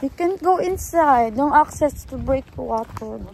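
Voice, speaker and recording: A woman's voice: high-pitched, animated, a little slow, creaky, darkish tone. A woman vlogging a family outing outdoors, chatty and coaxing her toddler as she talks. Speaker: family travel vlogger, mother. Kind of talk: casual vlog narration and talking to her child. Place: outdoors by the seaside.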